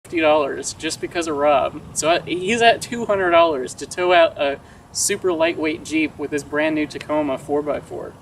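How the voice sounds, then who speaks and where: A young American man casually telling an anecdote, swearing freely and animatedly acting out quoted dialogue. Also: a little high. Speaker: vlogger telling a story. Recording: distant mic, clear outdoor traffic noise.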